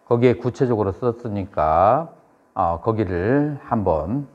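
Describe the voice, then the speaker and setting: A middle-aged man, a Buddhist monk lecturing a seminary class, who asks students questions and then answers them, with measured phrasing and pauses. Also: on the low side, expressive. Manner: measured delivery with frequent pauses and "eo" fillers. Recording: dull lo-fi lecture recording.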